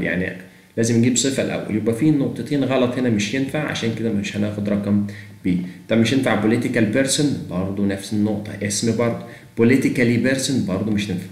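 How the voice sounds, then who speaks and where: A young man with an Egyptian Arabic accent runs an English exam review at a quick clip. His voice sits low, and he works through each answer step by step while fielding the questions he imagines students asking. The room around him is echoey. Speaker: English teacher.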